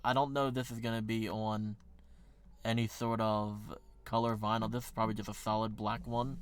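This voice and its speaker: A man's voice: on the low side, flat delivery, normal speed, clear, resonant tone. A man with an American accent talking casually on a livestream, rambling with lots of fillers and correcting himself as he goes. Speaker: streamer.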